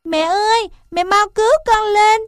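A woman voicing a small, frightened baby elephant who pleads in high childlike cries. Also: steady tone, moderate pace, no echo, studio quality. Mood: pleading.

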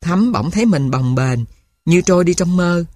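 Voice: medium pitch, expressive, normal speed, warm tone, no room sound, clean studio sound. A narrator reading a sad wartime story aloud in a somber, emotional way. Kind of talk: dramatic audiobook narration.

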